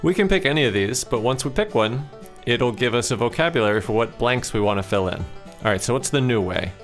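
A man's voice: medium pitch, animated, brisk, soft background music. A man giving a casual, playful video lesson as a test prep instructor, acting out his own thoughts while reading.

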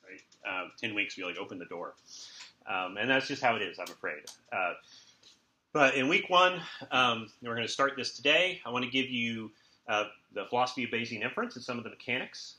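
In a roomy recording from a lecture room with students present, a man delivers an informal university lecture peppered with wry jokes. His medium-pitched voice is bright and forceful, moving a little fast.

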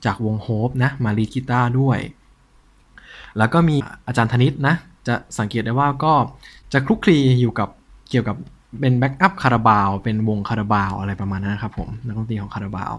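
Husky guy casually showing stuff on his collector show, normal pitch, informal and polite. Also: fairly quick. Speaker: host of a cassette collection show. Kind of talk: casual show-and-tell commentary.

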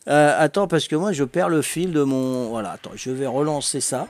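A man's voice: on the high side, moderate pace. Jovial older man chatting on a game stream. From Corsica. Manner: jovial, laughs often, chatty filler "hein". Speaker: livestreaming gamer. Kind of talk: casual livestream chat with viewers.

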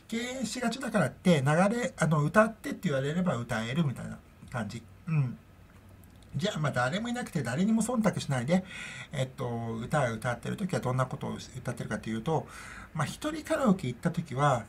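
A middle-aged woman hosts a casual solo podcast into her own microphone, her low voice carrying a breathy edge. She rambles and chats, laughing often.

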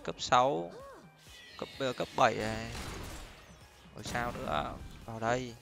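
A man commentating his own gameplay live, teasing and excitable, laughing often. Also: medium pitch, moderate pace, gravelly. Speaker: gaming streamer. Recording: music playing behind.

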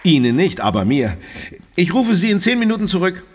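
A man's voice: high voice, very animated, brisk, a little mellow, big-room sound. An actor playing a worried male professor of parapsychology in a horror audio drama. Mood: concerned. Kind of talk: horror radio drama dialogue.

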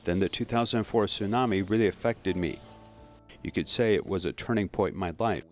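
A man giving an interview in English dub, speaking calmly and plainly. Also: fairly low pitch, a little fast. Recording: voice-over with music underneath.

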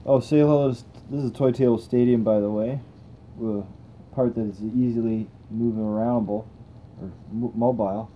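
A man's voice: medium pitch, moderate pace, highs cut off, a little hiss or hum. A young man hosting a toy car channel, chatting casually and thinking aloud as he tests cars on a table indoors. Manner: relaxed, rambling, thinks aloud while testing cars.

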